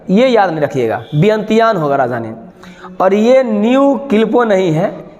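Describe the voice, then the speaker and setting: A man running an exam-prep lesson, joking through memory tricks and bursting into bits of song. His voice sits high for a man and stays playful, dwelling on each key word. The sound rings with a long reverb, as in a hard-walled classroom. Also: darkish tone, dull audio. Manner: playful, sings snatches of songs and acts out little sketches; repeats key words slowly for memorising. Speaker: coaching teacher.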